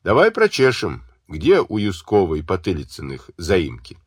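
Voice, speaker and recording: A man's voice: low-pitched, wildly swooping pitch, normal speed, slightly rough, dry recording, clean studio sound, full character voice. A man voicing a blunt, matter-of-fact revolutionary chairman. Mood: plain. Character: steady, tall village revolutionary chairman.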